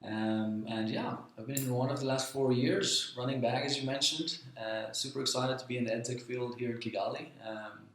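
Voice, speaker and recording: A man's voice: medium pitch, a little fast, hardly any pauses. Swedish-born man, very echoey room. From Sweden. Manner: relaxed and friendly, with frequent ums. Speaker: guest, founder of a talent accelerator. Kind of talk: casual interview talk.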